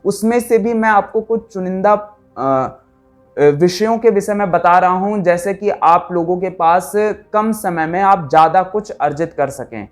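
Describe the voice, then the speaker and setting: A man's voice: sits high, a little slow, soft background music. A man teaching a spoken lesson, sounding out letters one by one and asking questions that he answers himself. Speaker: Sanskrit teacher.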